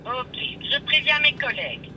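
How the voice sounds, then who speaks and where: Bright polite woman on speakerphone. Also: high-pitched, big pitch swings, moderate pace, a little hiss or hum. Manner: polite, formal. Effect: heard over a phone on speakerphone. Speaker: roadside assistance phone operator. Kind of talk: phone call.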